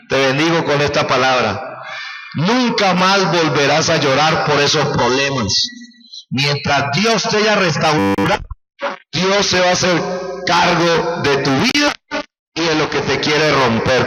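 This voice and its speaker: A man's voice: fairly high pitch, sharp tone. A man preaching a sermon as pastor, impassioned and calling out for the congregation's responses. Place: church sanctuary. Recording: roomy church hall.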